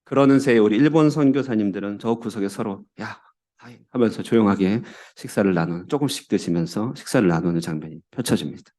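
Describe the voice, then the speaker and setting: A man's voice: fairly low pitch, animated, fast talker, hardly any pauses, darkish tone. A Korean man, a pastor, delivering a sermon in church with earnest, rising emphasis on key words. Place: church sanctuary.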